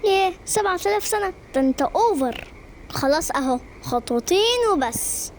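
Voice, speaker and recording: A woman voicing a teasing, confident older sister in an animated story, reassuring her brother. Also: very high voice, a little fast, slight background noise.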